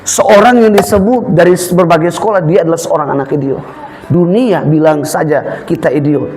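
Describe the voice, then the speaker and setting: With soft music playing behind him, a pastor from Eastern Indonesia preaches at a normal speed in a fairly high voice. His sermon is full of funny, lively stories in which he imitates various voices.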